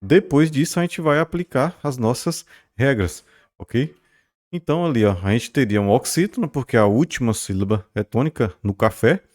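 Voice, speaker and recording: This grammar teacher has a medium-pitched, somewhat dark voice with lively intonation and a normal speed. In his recorded lesson he stretches stressed syllables to demonstrate pronunciation. He keeps asking "beleza?" and "né?" as he explains.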